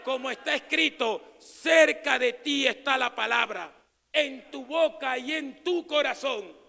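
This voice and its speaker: High gravelly shouting preacher man. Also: unhurried, in a large hall. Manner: swings between shouted proclamation and low quiet asides. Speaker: pastor. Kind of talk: evangelical sermon.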